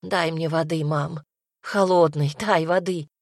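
A woman's voice: sits low, steady tone, measured pace, no echo. A woman voicing a distraught young woman who sobs and pleads, in a dry, close reading. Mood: tearful. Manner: sobbing, pleading, snapping.

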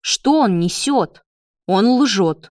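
A woman's voice: on the high side, lively intonation, measured pace, no room sound, studio quality. A woman voicing a desperate young man in a spoken story, pleading and lashing out. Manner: pleading, hissing.

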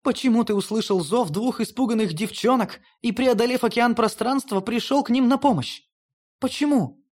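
A reader voicing a proud, haughty female goddess of death in an audiobook, speaking high and pleading. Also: normal speed, darkish tone, close to an everyday voice. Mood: insistent. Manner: lofty, pleading, high-pitched.

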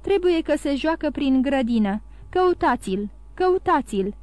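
A woman voicing a desperate middle-aged male magistrate who shouts and pleads urgently. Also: sits high, expressive, dry recording. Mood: frantic.

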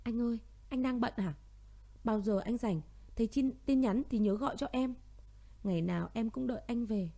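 A woman's voice: a little high, moderate pace, gravelly, warm tone. A woman voicing a heartbroken young pregnant woman who pleads tearfully with her brother and her missing lover, in a narrated audio story. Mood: pleading.

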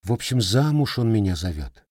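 A man's voice: lowish voice, very animated, moderate pace, a little mellow, dry recording, clean studio sound. A man voicing a sly, teasing young Cossack widow in a storybook reading, raising his voice for her. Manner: slightly raised, teasing folk speech.

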